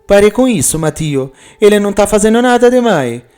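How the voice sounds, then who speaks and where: A man voicing a fiery, anxious Italian immigrant mother with an Italian accent, speaking high and insistent. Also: expressive, moderate pace, mellow, natural voice.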